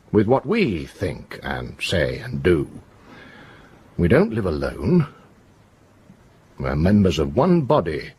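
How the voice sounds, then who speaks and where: In a radio drama, an actor voices a stern, righteous police inspector in middle age, delivering lines with deliberate, commanding, moralising authority. The male voice is deep and husky, a full character performance.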